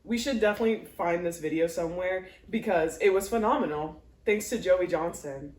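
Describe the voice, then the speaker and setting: A woman's voice: on the low side, brisk, a little mellow, distant mic. A woman, a guest in a casual chat, bubbly and laughing a lot. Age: 20s. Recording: roomy room sound.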